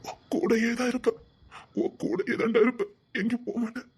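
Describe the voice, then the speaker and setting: A woman voicing the loving ghost of an old grandfather in a cartoon, speaking softly and reassuringly. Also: fairly high pitch, steady tone, fairly quick, a little hiss or hum, pitched below the performer's own voice, close to an everyday voice. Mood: tender. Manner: soft, tender, reassuring.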